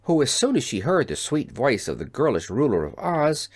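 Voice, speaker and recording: A narrator giving a measured, expressive storybook reading. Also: medium pitch. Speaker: audiobook narrator.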